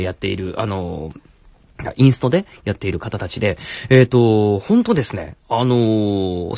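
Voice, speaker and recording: A man's voice: mid-range voice, a little mellow, husky, no echo. A man hosting a live late-night radio show in a studio, talking chattily with many fillers and self-corrections. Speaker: radio host. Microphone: studio microphone.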